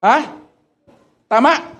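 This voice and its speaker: A male pastor preaching a sermon, firing rhetorical questions at his flock and rising into shouted bursts. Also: drawn-out words.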